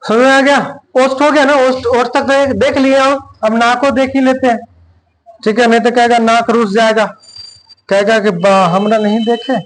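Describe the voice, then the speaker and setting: A man, teaching grammar slowly in a classroom style, repeating phrases and answering his own questions. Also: very high-pitched, little pitch movement, slight background noise, poor audio. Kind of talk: slow classroom explanation with questions to students.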